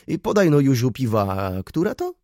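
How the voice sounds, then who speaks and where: A man's voice: mid-range voice, wildly swooping pitch, mellow, no echo, studio quality, pitched above the performer's own voice. A man doing grumbling old councillor Węgrowicz. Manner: muttering, slow and dismissive. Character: gray-haired elderly male councillor, grumbling beer drinker.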